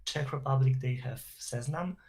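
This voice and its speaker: A man's voice: medium pitch, moderate pace, a little mellow. A man with a Polish accent, a guest on an online interview, explaining at length with fillers and restarts over a video call. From Poland. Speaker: interview guest, SEO professional.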